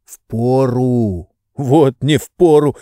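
A man voicing a loud, coarse, pushy middle-aged man who blusters and makes demands, in an audiobook reading. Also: mid-range voice, extremely slow, no room sound, clean studio sound. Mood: bullying.

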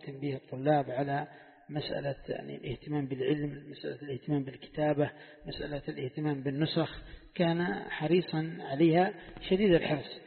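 A high-pitched man teaches a religious text, walking through each point and quizzing his students with rhetorical questions. His voice comes through a thin, phone-like recording with a long echo of a lesson hall. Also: vocal fry. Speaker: sheikh teaching Quran commentary. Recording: tinny phone-like sound in an echoey hall.

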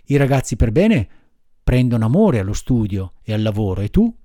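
A man voicing a patient, motherly fairy woman, speaking softly and firmly in an audiobook reading. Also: very animated, dry recording, studio quality, lightly acted. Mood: gentle. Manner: soft lowered voice, measured admonishing tone. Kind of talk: audiobook character voice.

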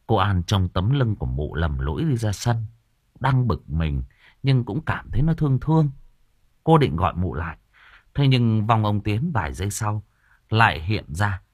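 Husky, lively storyteller man. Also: on the low side, moderate pace, no room sound, clean studio sound. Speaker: audiobook narrator. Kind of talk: storytelling audiobook narration.

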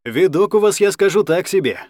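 Casting: man doing a curt, scornful tough guy, lively delivery, dry close sound. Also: a little high, normal speed, no room sound, lightly acted. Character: blunt, tough young man, fed up.

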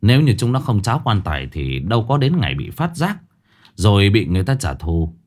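A man voicing a calm young village man who lays out his reasoning earnestly in a storybook ghost tale. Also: fairly low pitch, a little fast. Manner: earnest, explaining.

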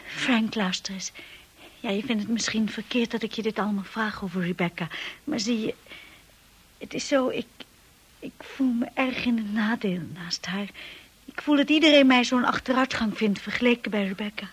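Playing an insecure, earnest young wife in a Dutch radio drama, an actress speaks hesitantly and confidingly, often in a hush. Her voice is husky and on the high side, at a moderate pace.

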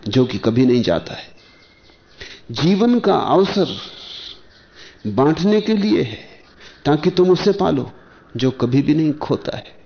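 Gravelly man giving a spiritual discourse. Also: fairly high pitch. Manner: measured, in short phrases with pauses and rhetorical questions. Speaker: spiritual teacher. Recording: dull lo-fi archival lecture tape.

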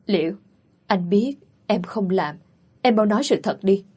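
A woman voicing a kind young man, an elder brother, urging earnestly with a husky voice. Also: mid-range voice, lively intonation, a little slow, mellow.

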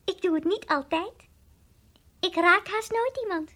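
A woman's voice: a little slow, fairly bright tone. A woman voicing a timid, childlike toy dog in an old radio play, earnest and confiding, sometimes whispering. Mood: pleading. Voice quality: high childlike voice, drops to whispers. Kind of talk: 1960s radio drama acting.

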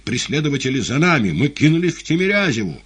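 A man voicing a sly, flattering male demon retainer in an audiobook, telling things dramatically. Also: medium pitch, fast talker, husky, voice pushed up. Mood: dramatic, flattering. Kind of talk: audiobook character reading.

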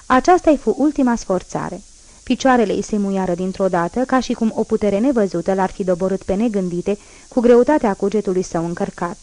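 A woman's voice: mid-range voice, dark tone, no room sound, poor audio. Woman narrating a classic novel solemnly. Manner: measured, solemn reading. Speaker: audiobook narrator. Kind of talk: scripted literary narration.

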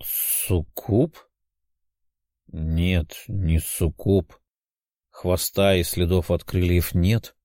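Brooding young demon lord with a low mutter, played by a man, dry close sound. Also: lively intonation, slow pace, long pauses, a little mellow, dry recording.

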